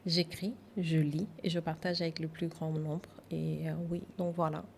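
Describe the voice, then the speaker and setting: A woman's voice: deep voice, flat delivery, normal speed, creaky, darkish tone, slight background noise. Woman speaking thoughtfully. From Senegal. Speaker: podcast guest, author. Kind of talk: podcast interview.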